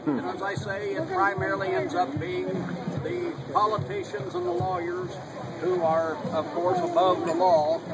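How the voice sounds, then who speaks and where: A man narrating a historical reenactment in a formal, deliberate manner with old-fashioned phrasing, explaining things to an audience. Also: sits high, big pitch swings, far from the mic. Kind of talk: explaining to an audience, in period character. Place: outdoors at a public event. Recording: noisy outdoor recording with loud ambient noise.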